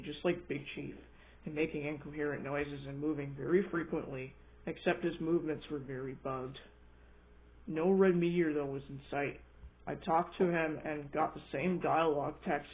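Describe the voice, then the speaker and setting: A man reading out a scripted first-person horror story, now and then stumbling over his words. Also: on the high side. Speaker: creepypasta narrator. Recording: thin, phone-like narrow band.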